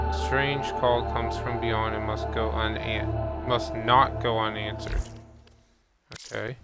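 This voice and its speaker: A man with a creaky, mid-range voice streams a video game, casually thinking aloud and muttering to himself as he reads off the screen. The recording has steady, loud background noise.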